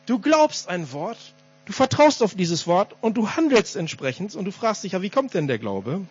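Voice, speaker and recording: A man preaching a sermon with a high, husky voice that swings widely in pitch. He drives his points home by repeating phrases and speaks straight to his congregation. The recording sounds dull and muffled. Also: very animated, normal speed. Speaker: pastor.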